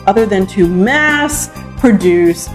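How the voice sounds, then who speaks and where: A woman's voice: medium pitch, expressive, takes it slowly, faint music behind. A woman hosting a podcast solo, talking casually into a recorder with chatty, rambling asides. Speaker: podcast host. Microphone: talking into a handheld recorder.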